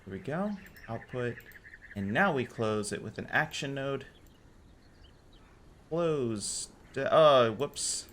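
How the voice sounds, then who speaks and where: A man hosting a casual game server tutorial, relaxed and correcting his own slips as he goes. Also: mid-range voice, takes it slowly, long pauses, slight background noise. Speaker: game modding tutorial host. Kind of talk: casual screen-recorded tutorial.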